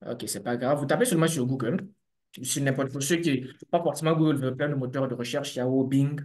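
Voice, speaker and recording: A man, a developer and business owner, giving a lively conference talk and speaking straight to his audience while sharing his screen. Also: medium pitch, brisk, echoey room. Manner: animated, conversational, addresses audience directly.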